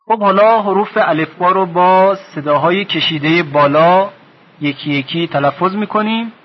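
A man teaching a recorded lesson on reading the Quran, speaking slowly and deliberately and stretching sounds out to demonstrate them. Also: high-pitched. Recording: dull lo-fi recording.

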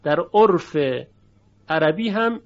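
A man teaching Quran recitation rules, explaining slowly and drawing out example words to show each sound. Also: high voice, lo-fi sound. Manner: explanatory, drawn-out demonstration of sounds. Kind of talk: tajwid lesson with recited examples.

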